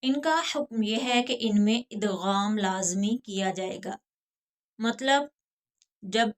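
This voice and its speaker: A woman teaching a recorded lesson on reciting the Quran. She speaks in a slow, deliberate way and draws out the example words with care. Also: medium pitch, a bit bright.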